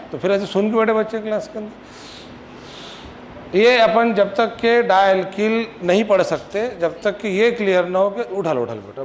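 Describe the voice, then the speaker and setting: High-voiced teacher drilling a class. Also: male voice, background noise. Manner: drills students, chants formulas, teasing scolds. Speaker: chemistry coaching teacher. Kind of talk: classroom lecture.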